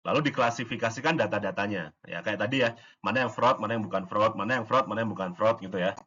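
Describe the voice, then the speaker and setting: A man's voice: on the low side, fast talker, a bit bright, highs cut off. A man teaching AI basics in a casual lesson, speaking informally with many fillers and restarts and acting out little dialogue examples. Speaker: AI course instructor.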